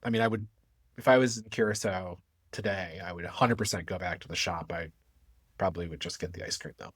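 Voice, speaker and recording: A man's voice: sits low, fast talker, breathy edge, dry recording. A man co-hosting a podcast, chatting and telling a story in a joking way. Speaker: podcast co-host. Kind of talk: casual podcast chat.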